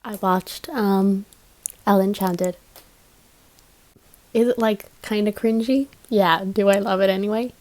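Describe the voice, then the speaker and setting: Soft background music plays on a rough recording while a young woman talks through her reading week in a casual vlog. Medium-pitched and unhurried, she keeps a fairly even intonation, pauses often, and rambles along with frequent "like" fillers and soft laughs.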